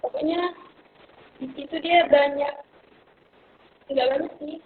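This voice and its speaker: A woman's voice: sits high, steady tone, slow. A young woman in her twenties answering interview questions over a phone call, rambling and searching for words with many fillers. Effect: heard over a phone or online call. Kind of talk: casual interview. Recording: phone-like line with faint noise.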